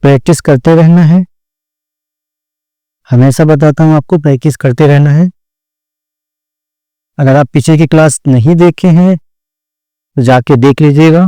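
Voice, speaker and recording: A man teaches shorthand at an unhurried pace, spelling out each word and pausing to check understanding. His voice sits somewhat high for a man but has a mellow, smooth tone. The sound is dry and close, with no room echo, and a faint electrical hum runs underneath. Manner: slow, patient, repeats words and checks understanding. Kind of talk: step-by-step classroom explanation.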